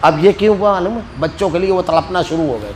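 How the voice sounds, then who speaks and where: A man with an Indian Urdu accent from Maharashtra, teaching a religious lesson in a mosque as an animated storyteller. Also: high voice, a little hiss or hum, poor audio. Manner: animated storyteller acting out quoted speech. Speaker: Quran teacher.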